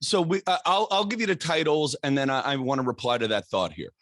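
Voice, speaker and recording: A middle-aged man hosting a podcast interview, talking in an animated, halting way with restarts and fillers. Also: mid-range voice, no room sound, studio quality. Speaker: podcast host. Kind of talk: casual interview chat.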